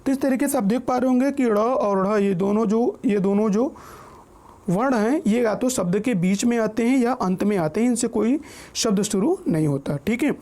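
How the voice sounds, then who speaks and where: A man's voice: high-pitched, normal speed, warm tone. A man teaching an exam-prep grammar lesson, explaining step by step and reading out lists of example words. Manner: checks in often with the listener.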